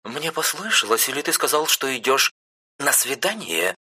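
A man voicing a chatty, pushy younger sister who teases her brother, raising his voice high for her in an audiobook. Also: normal speed, slightly rough, heavily acted. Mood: teasing. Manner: chatty, excitable, teasing.

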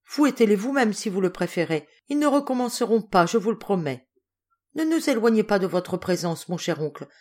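A woman's voice: medium pitch, expressive, moderate pace, a little mellow, pitched above the performer's own voice, natural voice. A woman voicing a fawning grown niece who pleads in a whining, tearful tone in a storybook. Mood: tearful pleading.

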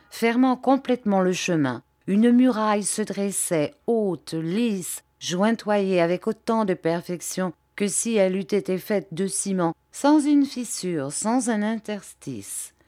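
A woman reading a novel aloud in a measured, expressive narration. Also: lowish voice, no echo, studio quality. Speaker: audiobook reader. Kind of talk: scripted narration.

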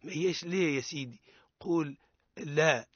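Tunisian sheikh teaching Quran recitation. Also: male voice, a little high, moderate pace, no echo, lo-fi sound. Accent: Tunisian Arabic. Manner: corrects pronunciation, models recitation for repetition. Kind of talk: radio recitation lesson.

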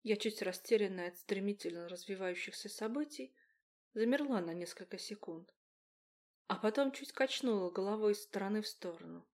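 A woman's voice: medium pitch, moderate pace, darkish tone. A woman narrating a romance audiobook in the first person, in an intimate, confiding storytelling voice.

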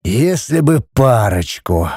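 Voiced by a man, this is a grave middle-aged judge and father who speaks slowly and with weight. His tone is dark and mellow. The pitch still moves a lot as he lectures, and the sound is dry and close. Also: big pitch swings, no room sound. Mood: stern. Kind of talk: audiobook character voice.

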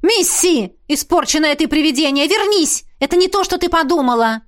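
A woman voicing an impulsive young woman necromancer who speaks in a quick-tempered, emphatic, exclaiming way. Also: high-pitched, lively intonation, pitched above the performer's own voice. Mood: excited. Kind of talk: audiobook character reading.

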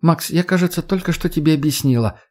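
A man's voice: on the high side, quick pace, a little mellow, pitched above the performer's own voice, close to an everyday voice. A man voicing a sly, teasing young redheaded woman who swears and mocks in an audiobook. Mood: mocking.

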